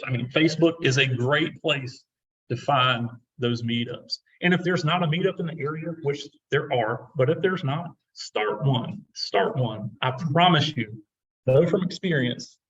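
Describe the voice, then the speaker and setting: A man's voice: mid-range voice, fairly bright tone, recorded from a distance, dull audio. A middle-aged man who works as a real estate investor, giving casual, encouraging advice and often repeating his words.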